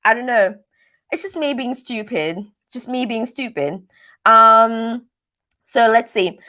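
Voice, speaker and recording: Slow, expressive, and pushed bright, the higher-pitched Canadian host of a reality TV recap channel chats live with viewers about their comments. She wanders off topic, mocks herself, fumbles words, and toys with accents.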